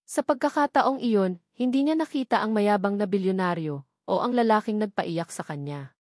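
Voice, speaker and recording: A woman with a Filipino accent narrates a scripted dramatic story in a mid-range, animated voice at normal speed. Her tone is darkish, and the recording is clean studio sound with no room echo.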